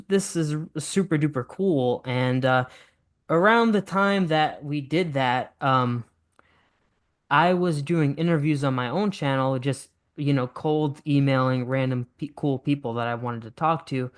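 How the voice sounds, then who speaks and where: A man's voice: medium pitch, clean tone. A nineteen-year-old man, a podcast guest, talking in an easygoing, enthusiastic way full of fillers. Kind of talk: casual interview chat.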